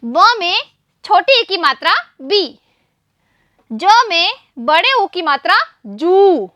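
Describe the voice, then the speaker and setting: A woman's voice: very high-pitched, very animated, takes it slowly, bright, forceful tone, no echo, clean studio sound. A woman teacher giving a first-grade reading lesson, spelling out each word sound by sound and prompting the children to repeat after her.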